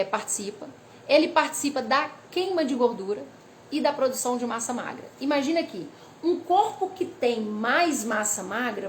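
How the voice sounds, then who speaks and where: In this casual talk to camera, a weight-loss educator explains hormones in a high, lively voice. She reads from her notes, sprinkles in frequent "né?" and "tá?" asides, and faint background noise can be heard.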